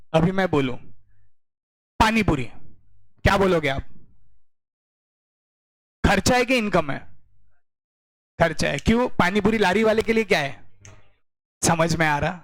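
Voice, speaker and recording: A man's voice: high voice, expressive, measured pace, pauses often, no echo, rough recording. A man teaching a commerce class, joking with students and switching into English to explain. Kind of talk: classroom lecture.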